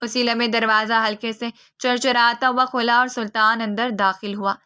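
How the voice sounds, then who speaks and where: Woman narrator for a romance novel, measured and emotive, bright tone. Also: fairly high pitch, flat delivery, clean tone. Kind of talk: scripted storybook narration.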